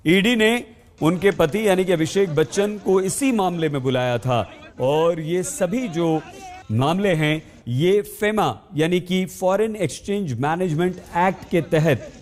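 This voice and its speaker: A man's voice: on the high side, darkish tone. A man anchoring live breaking news, speaking urgently and going back over the key points while he fills air time.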